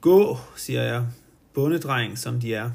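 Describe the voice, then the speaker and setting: A man's voice: mid-range voice, animated, a little mellow, breathy edge. A man reading aloud and voicing a proud, imperious upper-class woman in a raised, haughty voice.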